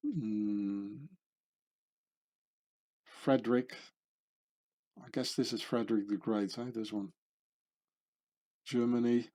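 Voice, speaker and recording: Slow, mellow man rambling on. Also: lowish voice, steady tone. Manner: meandering, full of fillers and tag questions. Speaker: channel host. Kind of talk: rambling monologue over pictures.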